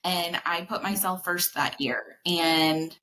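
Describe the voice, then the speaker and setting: A woman's voice: lowish voice, fairly even intonation, slow, bright, forceful tone, slight background noise. A woman in her early forties, a podcast guest chatting casually and upbeat about her life. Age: 40s. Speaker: podcast guest, senior care advocate. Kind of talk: casual chat.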